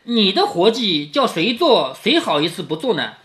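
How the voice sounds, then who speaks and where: A man reading an old classic to his daughter, pausing after each passage to put it in everyday words. His voice rises and falls a great deal as he talks, and he keeps checking in with little questions, the tone of an informal family lesson. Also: high-pitched, very animated, a bit bright. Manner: paraphrases each quoted passage in plain words. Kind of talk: casual retelling and explaining of a classic novel.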